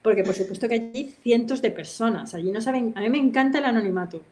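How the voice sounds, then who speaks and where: A woman's voice: on the high side, quick pace, a little hiss or hum. Chatty middle-aged woman. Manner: lively storyteller who acts out other people's voices and laughs often. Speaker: interview guest, kendo practitioner. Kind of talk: casual anecdotal chat.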